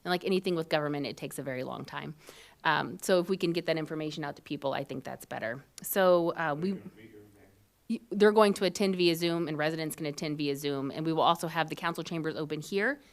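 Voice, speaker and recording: Low-voiced woman giving a council report. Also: fast talker. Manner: matter-of-fact, with frequent ums. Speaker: city manager. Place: council chambers.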